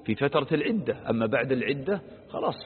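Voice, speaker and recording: A man's voice: medium pitch, sing-song, fast. A man teaching a religious lesson on verses of scripture. He poses questions aloud, answers them with everyday examples, and lifts his voice on the quoted verses. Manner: stresses quoted verses with a raised voice. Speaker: Quran exegesis teacher. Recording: lo-fi phone-like sound with long reverb.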